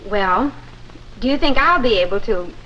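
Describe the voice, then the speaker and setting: A conscientious, polite churchwoman in a 1950s promotional film. Her delivery is proper and earnest, with lively intonation. The soundtrack is muffled and slightly noisy. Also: on the high side, moderate pace. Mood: polite, curious.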